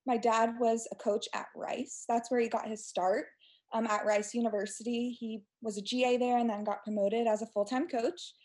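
A woman in her twenties from Texas, a guest telling stories in a chatty, animated way during a casual interview. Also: a little high, moderate pace. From United States (Texas). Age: 20s.

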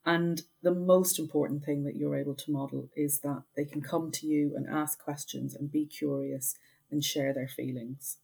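A woman guest expert with a low, creaky and husky voice. She speaks in a measured, reassuring way, as in a reflective interview. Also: steady tone, a little mellow.

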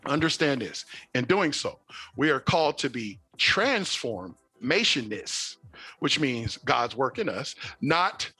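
Folksy preacher man, bright voice. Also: mid-range voice, dry recording. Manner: folksy, preachy, says "y'all" and "wait a minute" often. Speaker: pastor. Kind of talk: casual sermon to camera.

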